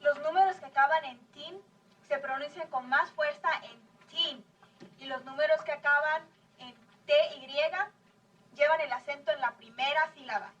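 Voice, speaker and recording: High-voiced woman student answering. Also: moderate pace, fairly bright tone, far from the mic, muffled recording. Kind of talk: classroom answers.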